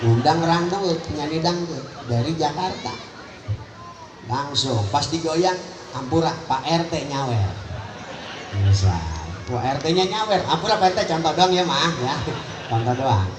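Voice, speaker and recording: A man preaching a comic sermon at an outdoor religious gathering, animated and joking, climbing to high emphatic cries. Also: measured pace. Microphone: phone recording from the crowd. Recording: echoey, distant phone recording, noisy.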